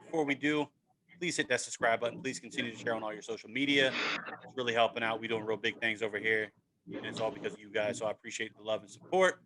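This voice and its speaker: A man's voice: lowish voice, fairly even intonation, fast, a crowd in the background. A man hosting a casual sports podcast, upbeat and encouraging, often tagging "man" and "right?" onto his sentences. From Maryland, USA. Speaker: podcast host.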